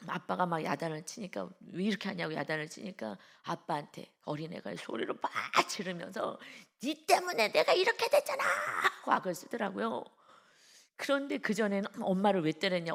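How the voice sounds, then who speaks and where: A woman pastor delivers an early-morning devotional sermon in a church. Her voice sits low with a rough, gravelly texture. She talks to the congregation in a conversational, storytelling way.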